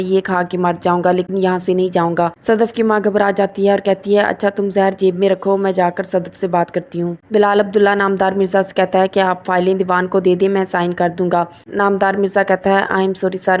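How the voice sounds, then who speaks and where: A woman's voice: medium pitch, a little mellow. A woman reviewer narrating a scripted recap of a drama episode, reading the characters' lines in her own voice.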